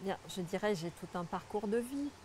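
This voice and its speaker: A middle-aged woman from French Guiana, a spiritual guide, is an interview guest sharing her life story in conversation, earnest and reflective, often restarting her sentences. Her mid-range voice has lively intonation at normal speed, over a noisy background.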